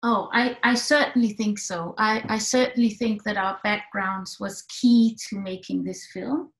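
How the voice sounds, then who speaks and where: A middle-aged Danish woman, a film director, answers questions on a video call for an online film talk, speaking thoughtfully with many restarts and fillers. Her mid-range voice is steady in tone and a little slow. The computer mic captures a rough recording in an echoey home room.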